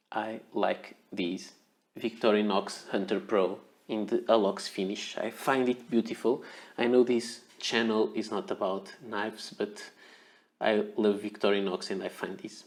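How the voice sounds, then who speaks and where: Slow, hesitant man with a Portuguese accent. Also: mid-range voice, darkish tone. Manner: unhurried, hesitant, repeats words while working. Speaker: fountain pen ink reviewer. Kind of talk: casual demonstration.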